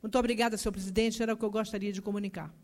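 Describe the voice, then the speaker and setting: A woman with a Brazilian accent speaking as a legislator in a formal parliamentary session, in a measured and deliberate manner. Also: mid-range voice, fairly even intonation, darkish tone.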